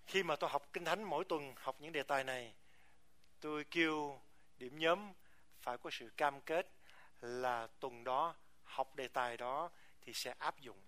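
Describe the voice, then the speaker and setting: A male pastor delivering a sermon with an emphatic push. He keeps asking his listeners rhetorical questions. His voice is high and bright.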